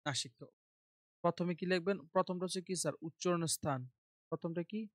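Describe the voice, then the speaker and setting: In an online admission-prep grammar class, a male tutor quizzes his listeners, answers his own questions, and drills terms and letters one at a time. His voice is high with fairly even intonation, and he talks fairly quickly. The studio recording is clean, with no echo.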